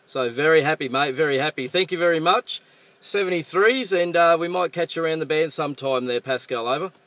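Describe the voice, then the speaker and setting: A man's voice: a little high, a bit bright, a little hiss or hum. Australian man making a two-way radio call. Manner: casual, matey, halting. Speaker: amateur radio operator. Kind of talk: two-way radio contact, call signs and radio jargon. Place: parked vehicle.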